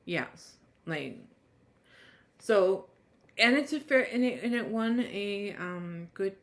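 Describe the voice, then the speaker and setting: A woman's voice: mid-range voice, lively intonation, takes it slowly. A woman reviewing a book, reading its blurb aloud and then chatting loosely with many restarts. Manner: rambling, many restarts and trailing thoughts. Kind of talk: casual book review chat.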